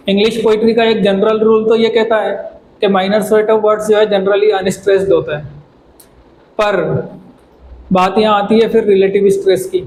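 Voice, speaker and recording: A man's voice: sits high, a little mellow. A man teaching a poetry lesson in Hindi mixed with English, patient and repetitive, breaking lines down word by word. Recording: echoey room with faint background noise.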